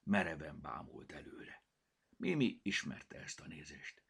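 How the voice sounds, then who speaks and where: A man reading a children's storybook aloud as narrator, with an expressive, sing-song delivery. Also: very deep voice, creaky, slightly rough. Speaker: audiobook narrator.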